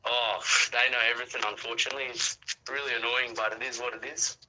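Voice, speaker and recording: A young Australian man talks quickly in a very bright, sharp voice. He is a caller chatting in casual slang, heard over a noisy phone call. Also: mid-range voice, little pitch movement. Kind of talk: casual anecdote chat. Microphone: WhatsApp phone call.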